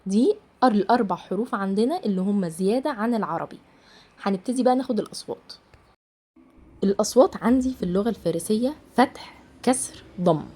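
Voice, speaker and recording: Woman, Egyptian accent, mellow voice, teaching pronunciation and repeating each sound with care. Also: medium pitch, lively intonation, husky. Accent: Egyptian Arabic. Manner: slow, carefully repeats each sound and example word. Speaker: Persian language teacher. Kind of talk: pronunciation lesson.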